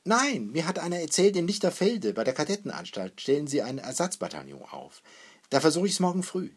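A man's voice: a little high, sing-song, brisk, husky, voice pushed up. A man doing an eager restless young man.

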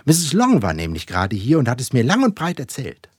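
A man voicing a fussy, excitable middle-aged mother who is set on marrying off her daughters, impatient and pushy. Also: medium pitch, brisk, breathy edge, no room sound, clean studio sound. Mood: eager.

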